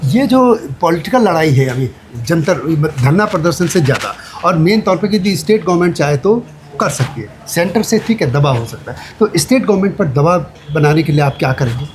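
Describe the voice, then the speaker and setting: Relaxed, agreeable male interviewer. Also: on the high side, a little hiss or hum. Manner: relaxed, agreeable, quick acknowledgements. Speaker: journalist host. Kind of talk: conversational interview.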